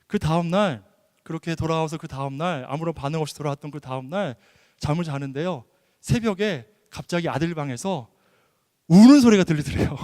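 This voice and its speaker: A male pastor preaching a sermon in a church, telling stories with lively acted-out quotes and frequent laughter. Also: on the high side, brisk. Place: church hall. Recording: reverberant church hall.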